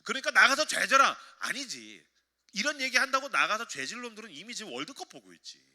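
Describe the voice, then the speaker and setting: A middle-aged man preaching a sermon as pastor, animated and expressive, loud in exhortation and soft when telling family stories. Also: high voice, fast talker.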